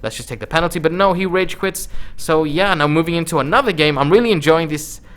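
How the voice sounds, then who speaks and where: A man's voice: fairly high pitch, expressive, fast, a bit bright. A man giving casual, conversational gameplay commentary as a gaming video host, using informal slang.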